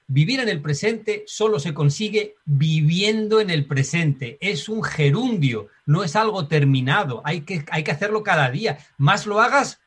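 A man's voice: sits high, expressive, normal speed, hardly any pauses, a bit bright, slightly rough. A man with a Spanish accent talking reflectively as an interview guest, often tagging sentences with a questioning "right?". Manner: reflective, uses filler tags like "¿no?". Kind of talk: conversational interview.

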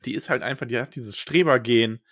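A man co-hosting a casual book-discussion podcast, relaxed and retelling scenes in quick asides. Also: mid-range voice.

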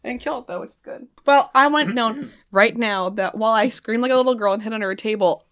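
A woman's voice: fairly high pitch, quick pace, a bit bright, smooth. A woman in her thirties with an American accent, hosting a casual chat with playful, teasing banter. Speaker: podcast host.

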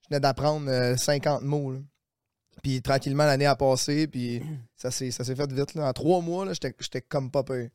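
Man, Québécois accent, earnest, restarts often, smooth resonant voice. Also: medium pitch, fairly even intonation, normal speed, a little mellow, dry recording, clean studio sound. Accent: Québécois French. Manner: earnest, explains with many restarts. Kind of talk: casual chat.

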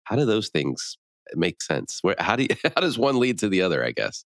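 A man hosting a marketing podcast, reading sponsor ads and introducing his guest in a smooth, practiced way. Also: lowish voice, big pitch swings, fairly quick, dry recording, studio quality. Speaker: podcast host. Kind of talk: podcast ad reads and interview.

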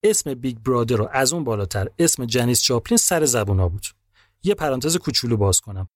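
A man's voice: mid-range voice, no room sound. Casual male podcast storyteller, dry sound. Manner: colloquial, lively retelling. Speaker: podcast narrator. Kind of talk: scripted storytelling narration.

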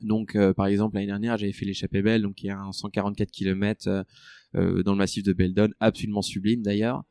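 A man in a relaxed interview, talking through his running training with many fillers and restarts. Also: lowish voice, fast talker, smooth, dry recording, studio quality. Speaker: ultra-trail runner guest. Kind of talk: conversational interview.

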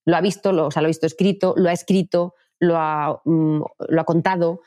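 Fast-talking woman coaching communication. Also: fairly low pitch, level tone, warm tone, no room sound, clean studio sound. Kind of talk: interview answers.

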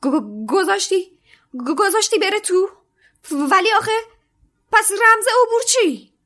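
A woman's voice: very high-pitched, expressive, fairly bright tone, pitched above the performer's own voice. A woman voicing a stern older woman teacher in an audiobook reading, scolding and stammering when shaken.

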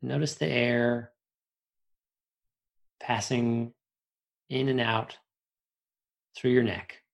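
A man slowly guiding a relaxation meditation, giving soothing instructions with long pauses. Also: medium pitch, little pitch movement, gravelly. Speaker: meditation guide.

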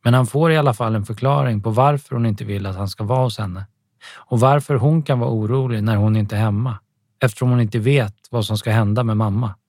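A man narrating a story calmly and evenly, with soft music behind him. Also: lowish voice, dry recording, clean studio sound. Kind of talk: scripted audiobook narration.

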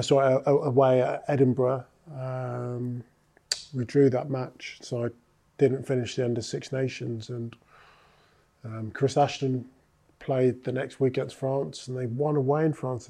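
A man's voice: medium pitch, creaky, warm tone. A man, a former rugby player, recounting his career in a casual interview, thoughtful and full of filler sounds.

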